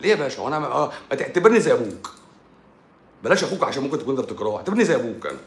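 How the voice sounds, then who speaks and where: An Egyptian man, a doctor hosting his own live stream, talking in an animated, sarcastic monologue and repeating points for emphasis. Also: mid-range voice, very fast, roomy sound. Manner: sarcastic, mocks critics in a playful tone; repeats himself for emphasis with frequent stumbles.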